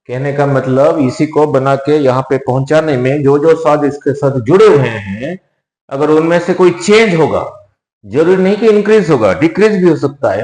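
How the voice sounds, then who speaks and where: A man's voice: fairly high pitch, echoey room, poor audio. A male physics teacher with an Indian accent, explaining step by step and repeating key words, mixing Hindi with English terms. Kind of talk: whiteboard lecture.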